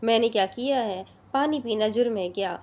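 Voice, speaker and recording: A woman's voice: on the high side, darkish tone, natural voice. A woman voicing a naive young woman who stammers and pouts. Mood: tearful. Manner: hesitant, stammering, sniffling. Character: innocent naive young woman, tearful and pouting.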